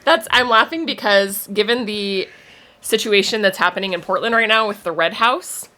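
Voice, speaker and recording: Woman, young adult, podcast co-host, casual chat, chatty, laughs often, clear bright tone. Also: medium pitch, normal speed.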